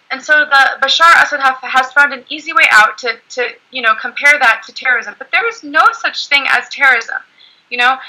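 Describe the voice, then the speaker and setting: A woman speaking earnestly in an online panel discussion, often pausing on "you know". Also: high-pitched, pushed and bright, poor audio. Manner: earnest, heavy use of "you know" fillers.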